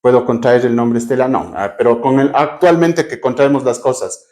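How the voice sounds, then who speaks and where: A man's voice: mid-range voice, normal speed, a little mellow. A man with a Cuenca Ecuadorian accent teaching a Bible class, questioning his students and spelling out terms as he writes on a board. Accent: Ecuadorian Spanish, Cuenca.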